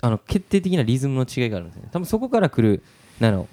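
Host: quick, mellow-voiced man with a Kansai accent, chatty and animated. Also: medium pitch. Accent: Kansai Japanese. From Japan. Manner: animated, recalls his past at length, many fillers. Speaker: musician and podcast host. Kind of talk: casual conversation.

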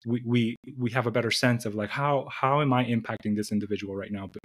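A man's voice: medium pitch, fast. A middle-aged man born in the Dominican Republic and raised in New York City, a guest in an interview, talking thoughtfully with many restarts and repeated words. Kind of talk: conversational interview.

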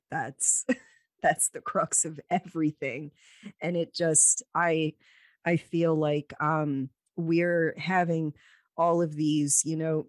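A woman in her forties in casual chat, speaking haltingly and searching for her words. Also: low-pitched, dry recording, studio quality. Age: 40s.

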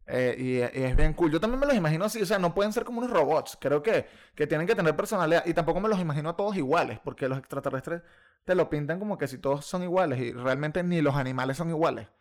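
A man's voice: on the high side, quick pace. Joking man, casual chat. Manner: joking, lively, slangy.

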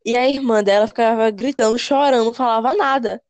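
Animated young Brazilian woman telling scary stories. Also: a little high, fast, dry recording. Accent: Brazilian Portuguese. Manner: animated storyteller, slangy, repeats words. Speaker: podcast co-host.

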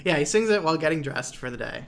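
A man's voice: fairly high pitch, lively intonation, quick pace, creaky, a bit bright. A man co-hosting a casual podcast, laid-back, slangy, and ready to argue a point. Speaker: podcast co-host. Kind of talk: casual movie recap chat.

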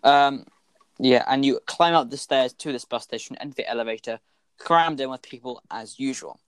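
A man's voice: mid-range voice, normal speed, smooth, dry recording, poor audio. A young man narrating as game master in a tabletop game over voice chat, playful, humming sound effects.

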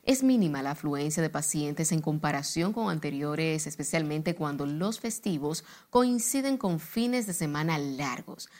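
A woman anchoring the evening news in a measured, formal read. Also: low voice, a little mellow. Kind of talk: scripted news reading.

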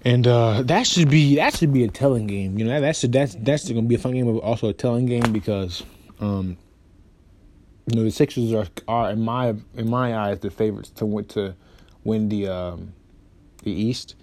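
A man hosting a casual basketball podcast, rambling with lots of fillers and restarts, and quick in delivery. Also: lowish voice, a little mellow. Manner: talks fast, says so himself. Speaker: podcast host. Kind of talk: casual sports podcast talk.

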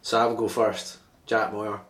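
A man's voice: lowish voice, flat delivery, normal speed, a bit bright. A man co-hosting a podcast, chatting casually about sport. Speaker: podcast co-host. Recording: echoey room, distant mic.

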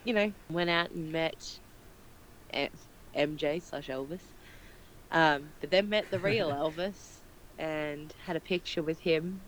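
A woman chatting casually with her partner, telling a lively holiday story and laughing often. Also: deep voice, a little slow, a little hiss or hum, rough recording. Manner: loud, self-described as not quiet. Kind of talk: casual chat.

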